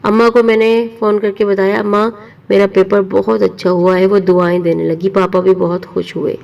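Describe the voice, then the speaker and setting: Gravelly-voiced woman telling a story. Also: medium pitch, flat delivery, a little mellow, recorded from a distance. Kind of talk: first-person story narration.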